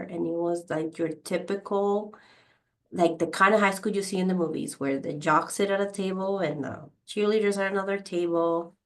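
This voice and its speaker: Reflective woman, lowish voice. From Costa Rica. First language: Spanish. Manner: reflective, many pauses and fillers. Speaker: podcast guest. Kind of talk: casual interview storytelling.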